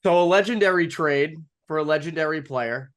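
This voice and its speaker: A man's voice: fairly high pitch, brisk. A man co-hosting a casual sports podcast, tossing out dry jokes between lots of "uh" and restarts. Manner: wry, full of fillers and restarts, dry jokes. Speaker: podcast co-host.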